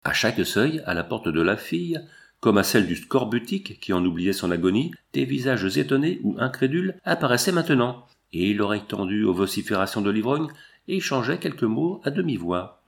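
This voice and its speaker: A man narrating a novel in an expressive, measured reading. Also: on the low side, vocal fry.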